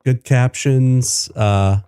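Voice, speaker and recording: A man talks loosely over a game stream, trailing into fillers and cursing freely as he goes. His voice sits at an ordinary middle pitch and sounds close and dry, with soft music playing underneath. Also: fairly even intonation, drawn-out words, smooth, dry recording. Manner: rambling, loose, swears freely, many fillers. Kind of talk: casual gaming stream chat.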